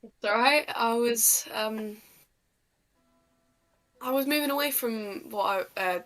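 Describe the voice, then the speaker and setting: A man's voice: slow pace, exaggerated voice, low-quality recording. A man voicing an upbeat male chef in a tabletop roleplay, eager and cheerful. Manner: eager, high and bright.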